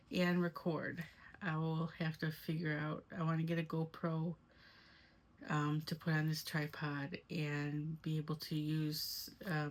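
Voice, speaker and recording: A woman giving a casual, rambling first-person recap as an amateur paranormal investigator vlogger. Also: sits low. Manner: rambling, conversational.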